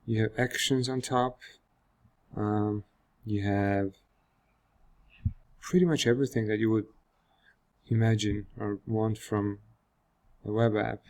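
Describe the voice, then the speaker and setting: A software developer, a man who speaks Georgian natively and has a Georgian accent, walks viewers through a web app in a screen-recorded product demo. His voice is on the low side and a little mellow, and he explains with pauses and fillers.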